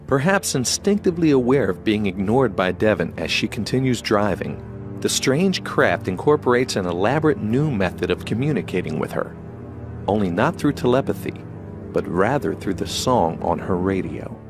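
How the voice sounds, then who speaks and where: Low-voiced male documentary narrator. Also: very animated, moderate pace, over music.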